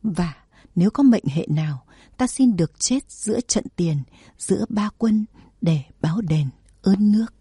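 Proud woman warlord read by a woman, solemn, low and mellow, dry close sound. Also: lively intonation, measured pace, breathy edge, no room sound, exaggerated voice. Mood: defiant. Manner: defiant, solemn speech. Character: proud fearless woman general of old. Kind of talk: storybook narration.

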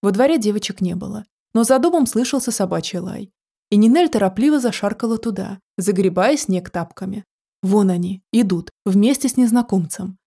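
Woman reading a story, steady and measured, warm mellow voice. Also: mid-range voice, breathy edge. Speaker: narrator. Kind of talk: storybook narration.

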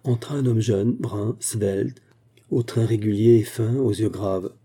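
Dark-voiced man reading a story. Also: lowish voice, fairly even intonation, measured pace, slightly rough. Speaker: reader. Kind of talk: reading a short story aloud.

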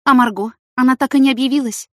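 A woman's voice: high voice, fast, no echo, studio quality, voice pushed up, lightly acted. Woman voicing a earnest young mother patient. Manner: warm-hearted, earnest. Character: chatty kind-hearted young mother patient.

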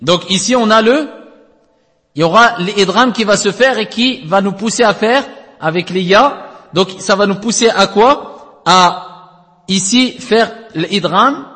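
A man's voice: sits high, measured pace, bright, forceful tone, in a large hall. A man teaching Quranic recitation rules in a classroom lesson, explaining step by step, checking understanding with frequent tag questions, and chanting letters at length.

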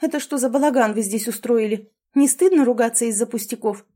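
A woman's voice: a little high, brisk, voice pushed up, lightly acted. Woman doing a stern scolding young woman. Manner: sharp, scolding.

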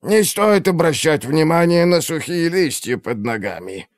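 A man's voice: fairly high pitch, lively intonation, unhurried, no echo, studio quality, voice pushed up. A man voicing a stern male magister who reproaches and commands a fellow mage. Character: stern older male magister urging calm.

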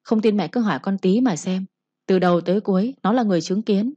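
Lady voicing an indignant young wife, husky, kinda dull sound. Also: mid-range voice, quick pace, mellow, no room sound, natural voice. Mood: protesting. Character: proud young wife defending herself.

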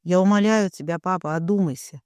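Man reading a young heroine: tearful, pleading, defiant; high voice. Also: brisk, darkish tone, clear, resonant tone, no echo, lightly acted. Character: distraught young woman, desperate and defiant.

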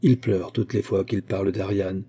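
A man reading a novel aloud in a measured, literary manner. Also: low-pitched, steady tone, warm tone, breathy edge. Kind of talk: audiobook narration of a novel.

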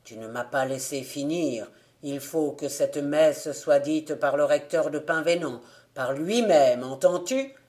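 A hollow, cavernous ghost of a dead man, as a woman reader puts him on, speaking low, slow and grave. His words come reproachful and heavy, as in a spoken storybook. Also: dark tone. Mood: solemn.

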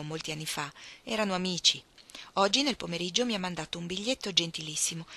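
Kind mother figure, calm and measured, read by a woman, lowish bright voice. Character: gentle, kindly mother Mrs March.

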